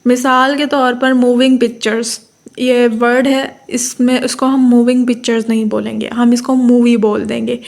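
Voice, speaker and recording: A woman with a Pakistani accent giving an explanatory lecture, repeating terms, checking with her listeners and reading definitions slowly. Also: on the high side, level tone, vocal fry. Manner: reads English definitions slowly. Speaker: teacher.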